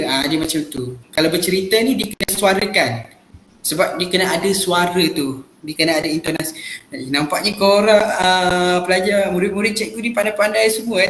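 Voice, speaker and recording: A man's voice: sits high, fairly bright tone, echoey room, a little hiss or hum, poor audio. A man playing a teacher, explaining patiently with lots of filler sounds. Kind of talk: classroom role-play lesson.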